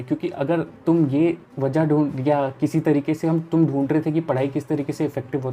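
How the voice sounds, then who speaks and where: Mellow-voiced young man giving study advice. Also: a little high. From India. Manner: easygoing, explanatory, talks straight to the viewer. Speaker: chartered accountancy student and study vlogger. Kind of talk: casual study-advice vlog.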